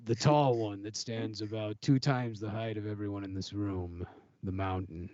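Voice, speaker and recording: A man voicing a grim, proud male arena fighter who speaks slowly and ominously. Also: fairly low pitch, fairly even intonation, a little mellow, no room sound, voice pushed down, close to an everyday voice. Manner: slow, ominous, halting. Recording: dull lo-fi audio.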